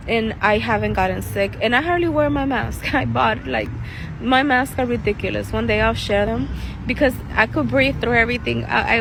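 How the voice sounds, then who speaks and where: A tarot reader and life coach from El Salvador talks to her viewers in a casual vlog from a city park, her voice fairly high. She is earnest yet relaxed, laughs often, and restarts her sentences. Outdoor street noise, including passing cars and city sounds, fills the recording.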